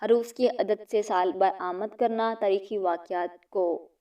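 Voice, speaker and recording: A woman's voice: mid-range voice, fairly even intonation, dark tone, far from the mic. Woman reading quiz questions aloud. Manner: reads each question and options, then states the answer. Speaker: teacher. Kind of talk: exam prep lesson reading multiple-choice questions.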